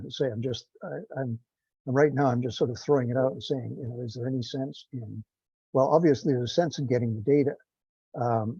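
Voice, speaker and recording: A gravelly, dark male voice at medium pitch, with a breathy edge and no echo. He's a non-scientist participant on a group technical call, speaking loosely, hesitantly and with self-deprecating rambles. Audio quality is that of a dull, dry, lo-fi conference line.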